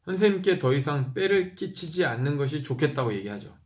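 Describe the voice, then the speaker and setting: A man reads Bible passages at an unhurried pace, going back over key verses. He breaks off now and then to explain things in a relaxed, conversational way. He raises his voice when he reads out quoted speech. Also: on the high side. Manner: reads slowly, repeating verses and pausing to explain. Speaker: Bible reader. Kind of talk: reading scripture aloud with commentary.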